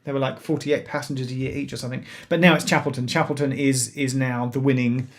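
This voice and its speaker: A man's voice: medium pitch, fairly even intonation, fast. A man with a London accent hosting a casual livestream, rambling and laughing often. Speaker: railway YouTuber host.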